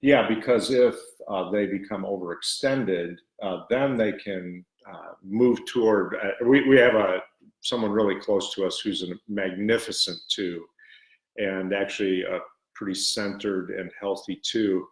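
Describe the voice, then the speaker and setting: Lower-voiced man chatting on a live stream. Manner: earnest, halting with many fillers. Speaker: co-host and author. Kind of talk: live-stream book discussion. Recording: roomy echo.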